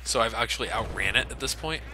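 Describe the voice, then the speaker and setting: Fast and animated, a man with a bright, forceful mid-range voice jokes sarcastically and swears freely while playing a video game for a Let's Play. The audio is poor, with slight background noise plus the game's gunfire and ambience.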